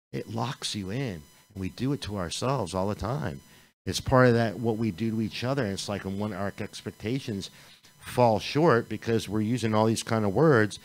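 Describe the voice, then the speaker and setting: A man's voice: on the low side, low-quality recording. A man giving an informal, earnest sermon at a spiritual community gathering, rambling and restarting his sentences. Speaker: speaker at a spiritual community service. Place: live-streamed community gathering.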